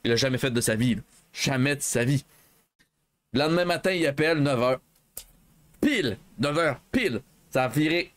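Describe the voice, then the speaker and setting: Chatting while he plays a game on stream, a man with a Québécois French accent wanders through a long story, stopping often and piling on filler and restarts. His voice is medium in pitch and animated, moving at a normal speed.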